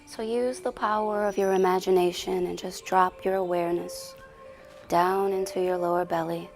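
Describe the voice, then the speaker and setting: A woman guides a meditation in a soothing, deliberate way, leaving long pauses as her soft, fairly low voice with fairly even intonation often sinks toward a whisper. Music plays in the background.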